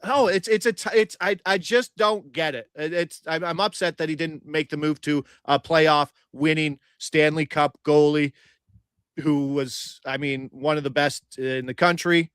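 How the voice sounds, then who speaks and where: Young male host, feisty and combative, rattles off stats, slightly high voice, dry close sound. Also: fairly even intonation, fairly bright tone, clear, resonant tone, dry recording. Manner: feisty, argumentative, rapid-fire stats. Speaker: sports betting host. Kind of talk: casual sports betting chat.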